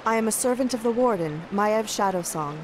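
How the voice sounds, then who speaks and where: A woman's voice: medium pitch, animated, fairly quick, noisy background, lightly acted. An actress playing an earnest young female night elf messenger, speaking formally and urgently in a game cutscene. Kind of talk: video game cutscene voice acting.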